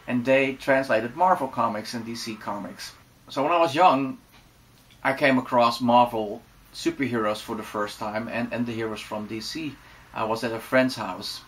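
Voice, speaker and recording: A Dutch man in his forties with a Dutch accent, chatting relaxed and casually to camera with many fillers in a room lined with bookshelves. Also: mid-range voice. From Netherlands. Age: 40s. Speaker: vlogger. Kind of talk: casual vlog talk to camera.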